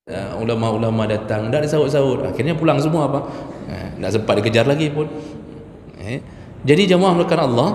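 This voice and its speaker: A man's voice: mid-range voice, darkish tone, a little hiss or hum. A male preacher giving a chatty, joking sermon lecture, talking straight to his listeners in a mosque. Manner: jokey, chatty, addresses listeners directly. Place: mosque hall. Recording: echoey mosque hall, faint ambience.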